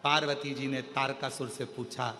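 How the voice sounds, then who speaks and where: A man from Madhya Pradesh preaching in an expressive devotional storytelling sermon. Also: mid-range voice, normal speed. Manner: expressive, acting out the characters' voices. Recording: hall reverb with faint music.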